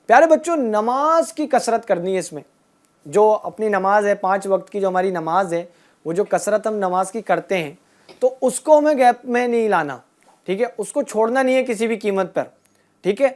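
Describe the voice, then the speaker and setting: A woman teaching a group of children, asking them questions and repeating their answers, and drawing out key words slowly. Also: medium pitch, expressive, darkish tone. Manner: asks a question, then repeats the answer back. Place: room with children and a passed microphone.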